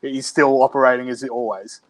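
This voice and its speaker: A man's voice: medium pitch, steady tone, brisk. A man with an Australian accent co-hosting a podcast, chatting in a wry, sardonic way from home. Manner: wry, sardonic, reads out tweets. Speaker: podcast co-host. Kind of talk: casual podcast banter. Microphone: remote recording from home.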